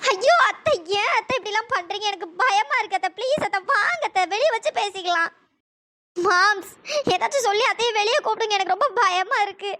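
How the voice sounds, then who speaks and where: A voice actor doing a timid, squeaky young cartoon woman. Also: a little fast, sharp tone. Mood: pleading. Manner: fearful, pleading. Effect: pitch-raised voice. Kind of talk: cartoon drama dialogue.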